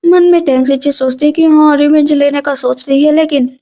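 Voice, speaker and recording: A woman's voice: high voice, steady tone, dark tone. A woman narrating a drama recap in a casual storytelling way, quoting the characters as she goes. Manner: retells scenes briskly, quoting characters' lines in plain voice.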